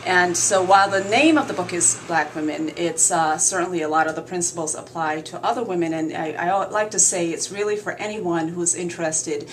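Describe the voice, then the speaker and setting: A woman from Barbados, a guest author in a radio interview, speaking earnestly and in measured phrases with frequent fillers. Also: on the low side, fairly bright tone, a little hiss or hum, rough recording.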